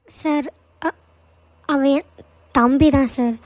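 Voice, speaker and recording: Brief: woman playing a timid cartoon heroine, high voice, pleading, dry close sound. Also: fairly even intonation, slow pace, a little mellow, dry recording, poor audio. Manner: pleading, apologetic. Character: young woman office worker, meek and pleading. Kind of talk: cartoon voice acting.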